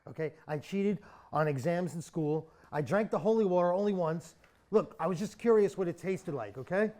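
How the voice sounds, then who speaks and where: A man playing a high-pitched, babbling young slacker. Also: moderate pace, a little mellow, natural voice. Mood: terrified pleading. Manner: pleading, babbling, whiny. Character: cowardly, irresponsible young male slacker pleading for his life. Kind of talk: naturalistic comic-dramatic acting.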